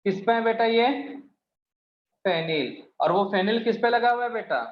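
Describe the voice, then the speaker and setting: Male chemistry teacher, slightly high voice, quizzes the class; echoey room, dull lo-fi sound. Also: normal speed. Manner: quizzes students, calls them beta. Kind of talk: classroom lecture. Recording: echoey room, muffled, faint hiss.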